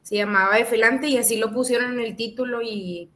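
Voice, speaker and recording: Una mujer comenta en clase una anécdota con algo de titubeo. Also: female voice, on the high side, steady tone, fairly quick, fairly bright tone. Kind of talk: class comment.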